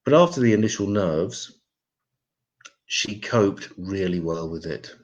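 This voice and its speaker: A man doing a stand-up set of one-liners, deadpan and self-mocking. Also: low-pitched, unhurried. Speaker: stand-up comedian.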